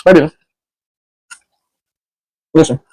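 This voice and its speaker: A woman's voice: drawn-out words, mellow, dry recording, poor audio. A woman doing a casual, rambling food review at home, sassy and sometimes talking while she eats.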